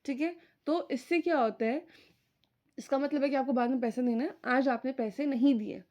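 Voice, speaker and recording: Woman teaching, slightly high voice. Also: moderate pace, darkish tone, highs cut off. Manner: explains step by step, often checks with "clear?" and "ठीक है"; mixes English terms into Hindi speech. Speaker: accounting teacher. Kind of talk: recorded online lecture.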